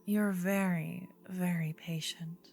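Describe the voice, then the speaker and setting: A woman plays an earnest, gentle druidess in a fantasy whispered role-play. The female voice is soft and rather low, moving between breathy whisper and murmur. Delivery is very slow and intimate, with pauses, over quiet music. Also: steady tone. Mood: curious, marveling. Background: soft medieval ambience and music.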